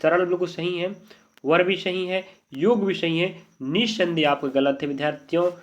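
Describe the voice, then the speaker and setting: A man's voice: high voice, steady tone, moderate pace. Man teaching a spelling lesson, lo-fi. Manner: repeated checking questions to students. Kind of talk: exam-prep Hindi spelling lesson. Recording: dull lo-fi audio.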